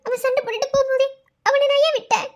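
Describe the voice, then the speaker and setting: A woman's voice: extremely high pitch, steady tone, very fast. A woman with a Madurai Tamil accent voicing a lovesick young woman in a cartoon. She talks anxiously and breaks into teary laughs. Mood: tearful. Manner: sobbing laughs between anxious, self-questioning lines. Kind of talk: cartoon voice acting.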